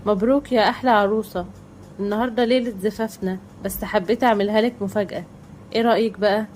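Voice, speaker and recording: A woman's voice: mid-range voice, fairly even intonation, fast, a little mellow, a little hiss or hum, lightly acted, rough recording. Woman voicing a loyal young Egyptian husband. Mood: earnest. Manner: earnest, reassuring.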